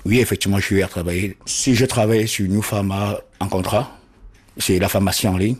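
Husky-voiced man, halting earnest testimony. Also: lowish voice, steady tone. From Cameroon. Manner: halting, repeats words, earnest. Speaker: interviewee. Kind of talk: interview testimony.

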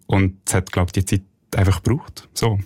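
A Swiss German man talks about his music on the radio in a reflective, halting way. His voice is very deep and quite flat in its melody, and the studio sound is close and dry. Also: dry recording. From Switzerland. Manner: reflective, hesitant, laughs softly. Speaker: musician guest. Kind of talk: radio interview.

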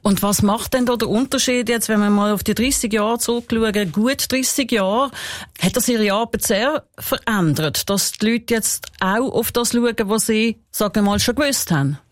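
A woman, asking interview questions in a quick, conversational way. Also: on the high side, no echo, clean studio sound.

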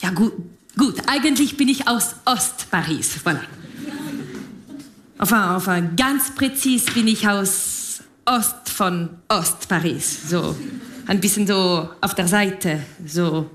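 A woman's voice: medium pitch, animated, slow, a bit bright, roomy sound, slight background noise. An actress playing a fussy, theatrical female clown from Geneva with a Geneva French accent in a stage comedy act. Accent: French-speaking Swiss, Geneva. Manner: theatrical, rambling, French interjections.

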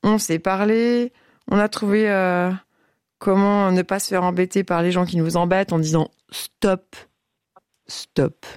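A woman hosts a late-night radio phone-in, playfully chatting with a caller, laughing often and reading song titles hesitantly, stumbling as she goes. Her mid-range voice is steady, unhurried, a little mellow and clean, recorded dry in a clean studio.

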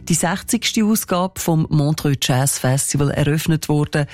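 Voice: mid-range voice, a little slow, no room sound. A radio host with a Swiss German accent, presenting a magazine programme in a conversational way and addressing listeners directly. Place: radio studio.

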